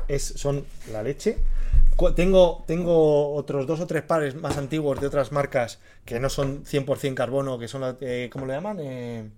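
Spanish man, podcast co-host, casual banter, mid-pitched voice, lively, swears a lot. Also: background noise. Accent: Spain Spanish. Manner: lively, swears freely, jokey. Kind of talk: casual chat.

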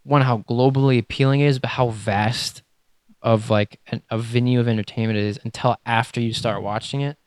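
A young man co-hosting a podcast, telling a story in a rambling, hesitant way that trails off quietly. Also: mid-range voice, steady tone, fairly quick, no echo. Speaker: podcast co-host. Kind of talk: casual chat.

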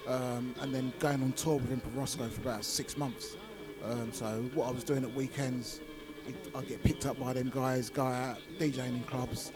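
A man's voice: mid-range voice, little pitch movement, normal speed, hardly any pauses, crowd noise. A middle-aged man with a London accent, reminiscing casually as an interview guest in a studio. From East London, England. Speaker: guest, veteran DJ and radio station founder. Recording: music playing behind the voice.

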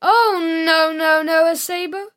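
A woman's voice: very high voice, steady tone, measured pace, a bit bright. A woman playing a clever, playful male spider trickster in a live storytelling performance. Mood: teasing. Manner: playful, bargaining, dramatic.

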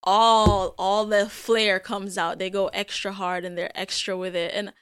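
A woman from Jamaica hosting a podcast, chatting in an animated way. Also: medium pitch, unhurried, smooth, no room sound, studio quality. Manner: animated, acts out quotes. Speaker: podcast host. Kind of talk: casual interview chat.

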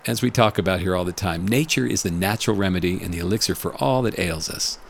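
Low, gravelly man guiding a meditation. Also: quick pace, slight background noise. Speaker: meditation podcast host. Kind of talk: scripted narration and guided meditation.

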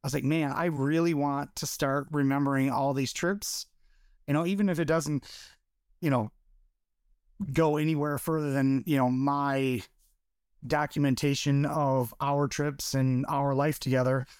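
A man's voice: mid-range voice, fairly even intonation, unhurried, clean tone, dry recording, clean studio sound. A man from Michigan, a podcast guest, talking casually and hesitantly with many fillers and restarts. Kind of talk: casual interview chat.

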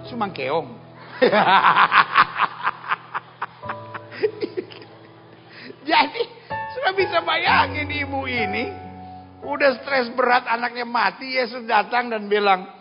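High gravelly-voiced preacher, punchy comedy. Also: male voice, animated, slow, long pauses. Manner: punchy, shouting emphasis, comic asides. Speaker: pastor. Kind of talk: humorous sermon. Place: large church hall. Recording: dull sound, hall reverb, band music.

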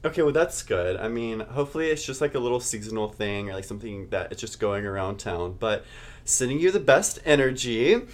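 A young man co-hosting a podcast, chatting casually in a campy, gushing, slangy way with drawn-out words. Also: medium pitch, lively intonation. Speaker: podcast co-host. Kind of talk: casual chat.

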